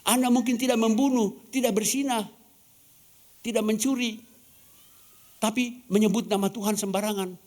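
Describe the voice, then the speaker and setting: A man's voice: high voice, fairly even intonation, normal speed, long pauses, a little mellow. A man from Ambon, Indonesia preaching a sermon as pastor, asking the congregation questions and acting out quoted dialogue. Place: church.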